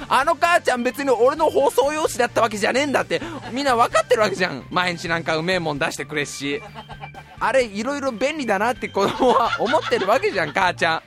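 A man hosting a show, telling a funny childhood story in a casual, slangy way and dropping to a hush for suspense. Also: sits high, quick pace, over music. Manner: animated, comic, slangy, drops to a hush for suspense. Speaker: podcast host.

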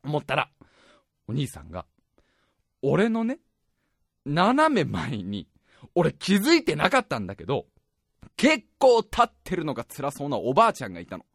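A man hosting a show, telling a comic story in an animated, self-mocking way and often laughing as he talks. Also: on the high side, normal speed, long pauses, breathy edge, no echo, clean studio sound.

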